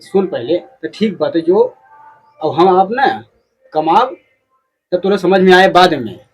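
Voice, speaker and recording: A man's voice: high voice, animated, measured pace, breathy edge, exaggerated voice. A man playing a jobless, defensive village husband in a family skit, arguing and grumbling in rustic speech with an eastern Hindi belt, Bhojpuri-Awadhi accent. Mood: threatening. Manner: argumentative, muttering repetitions, rustic speech. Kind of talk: amateur family skit dialogue.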